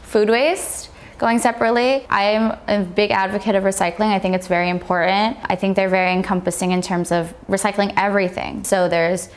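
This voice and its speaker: A woman's voice: medium pitch, steady tone, fairly quick. A woman from the United States talks on a discussion panel, sharing her opinions in an upbeat way. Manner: upbeat and opinionated, laughs between points. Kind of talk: casual group discussion.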